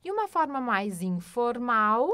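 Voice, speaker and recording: A woman teaching German, slowing right down to model phrases and often checking in with the learner. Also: on the high side, big pitch swings, a bit bright, clear, resonant tone, no room sound, clean studio sound. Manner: slow, drawn-out model phrases with frequent "tá?" and "né?" checks. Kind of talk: online language lesson.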